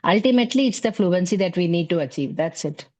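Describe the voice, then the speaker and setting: Relaxed and quick-paced, a middle-aged South Indian woman with an Indian English accent discusses her teaching as a guest in a conversational interview. Her voice sits on the low side, and she often uses fillers such as "you know, like."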